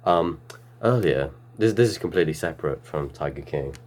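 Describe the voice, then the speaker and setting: A man's voice: rumbling low, lively intonation, moderate pace, a little mellow. A young man co-hosting a casual podcast, telling stories in a laid-back way. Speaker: podcast co-host. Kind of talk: casual chat.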